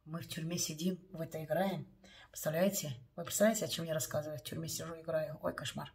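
A woman's voice: low voice, fairly even intonation, fast talker, a little mellow, recorded from a distance. A woman telling a personal story to her viewers in a chatty, confiding way, often calling them "girls". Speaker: vlogger.

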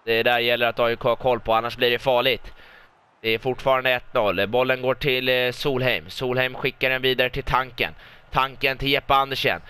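A young Swedish man doing lively mock football commentary over a video game, often breaking into excited shouts and repeated goal calls. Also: mid-range voice, smooth. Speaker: gaming YouTuber commentating his own match.

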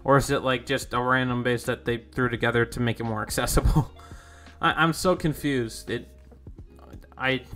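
A man's voice: medium pitch, a bit bright. A young man giving rambling, casual commentary over his own gameplay, easily confused and self-deprecating. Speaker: gaming YouTuber.

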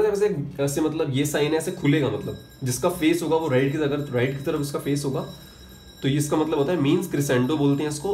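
A man's voice: on the high side, a little mellow, slight background noise. Man counting beats in a piano lesson. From India. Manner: counts beats aloud, explains step by step, mixes in English terms. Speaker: piano teacher. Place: room with a piano. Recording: echoey room with piano playing.

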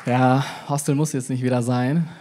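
A man's voice: medium pitch, little pitch movement, moderate pace, a crowd in the background, background noise. A man in his twenties doing a stand-up set on a club stage, brash and slangy, acting out the voices he quotes. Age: 20s. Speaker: stand-up comedian. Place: comedy club stage with live audience.

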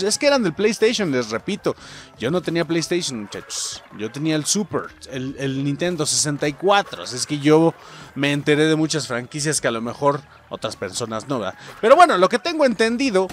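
A young Mexican man giving chatty, excitable commentary while playing a game and calling out to his viewers. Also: a little high. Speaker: gaming YouTuber. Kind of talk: let's play commentary.

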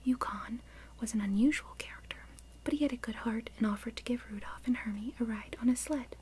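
A woman reading a children's storybook aloud in a soft, unvoiced ASMR whisper. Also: a little high, fairly quick, a little hiss or hum. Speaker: reader.

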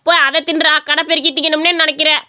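A woman voicing a lazy, crude village man who answers with gruff, dismissive retorts. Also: sits high, flat delivery, fast, sharp tone.

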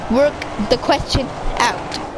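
Excitable woman gamer, high voice, unhurried delivery, chatty self-correcting commentary. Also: noisy background. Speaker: gaming video creator. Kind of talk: casual gameplay commentary.

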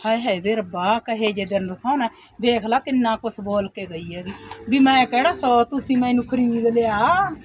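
A woman's voice: fairly high pitch, moderate pace, slight background noise, natural voice. A woman playing a poor young village mother who works as a day laborer, weary and complaining. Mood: lamenting. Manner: plaintive, complaining, sighs to God. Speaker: actor in a home-made skit. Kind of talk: amateur village drama.

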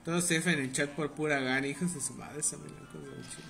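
A man's voice: on the high side, fairly even intonation, a little fast, creaky, sharp tone, soft background music. A young man with a Mexican Spanish accent giving crude, joking live commentary while playing a game and bantering with his chat. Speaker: livestreamer. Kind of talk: casual live gameplay commentary.

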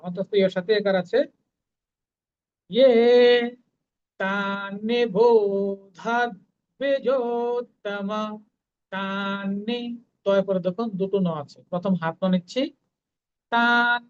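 A teacher giving a pronunciation lesson, stretching out each syllable as he chants verses, then explaining quickly. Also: medium pitch, muffled recording. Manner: drawn-out slow syllables when chanting, brisk explanations between. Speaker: Gita recitation teacher.

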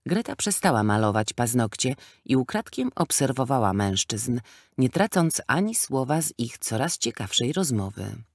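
A man reading a children's audiobook in steady scripted narration, at a middle pitch. The studio sound is dry and close, with no room around the voice. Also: moderate pace, dry recording. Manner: even, storytelling.

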